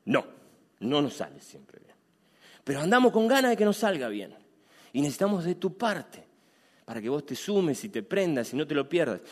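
Animated high-voiced Rioplatense pastor preaching. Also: male voice, normal speed, long pauses, big-room sound. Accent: Rioplatense Spanish. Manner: animated, acts out quoted dialogue, repeats phrases. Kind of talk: sermon.

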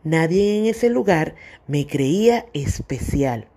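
A small, timid chameleon from a children's storybook, as a woman reads him aloud. He speaks earnestly in a mellow, unhurried voice. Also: sits low, lively intonation, slightly rough, full character voice.

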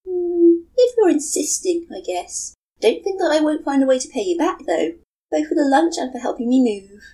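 A woman's voice: high-pitched, big pitch swings, normal speed, pitched above the performer's own voice. A woman voicing a bubbly, apologetic young woman talking on the phone. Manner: bright, eager, self-deprecating.

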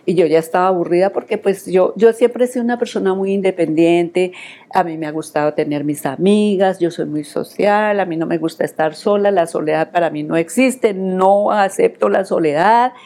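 A woman's voice: on the low side, moderate pace, warm tone. An older woman giving an earnest, emotional testimony of faith in an interview.

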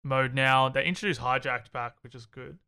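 A man's voice: medium pitch, moderate pace, bright, forceful tone, smooth. A man co-hosting a casual gaming chat, laughing often and talking hesitantly with many fillers. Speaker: podcast co-host.

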